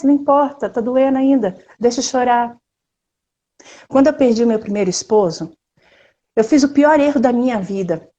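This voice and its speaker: Brazilian lady on a live stream, kinda high warm voice, really expressive, keeps talking right to the viewers. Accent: Brazilian Portuguese. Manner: expressive, emphatic, talks straight to the audience. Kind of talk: casual live-stream conversation.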